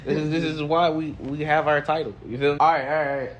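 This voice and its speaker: A man's voice: a little high, level tone, quick pace, crowd noise. A man hosting a casual podcast, laid-back and profane, steering the conversation. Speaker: podcast host. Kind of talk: casual chat.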